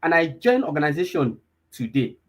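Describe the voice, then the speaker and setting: In his 20s, a data analysis instructor leads a live online class with a fairly high, sing-song voice at a moderate pace. He repeats himself and frequently checks whether listeners are keeping up.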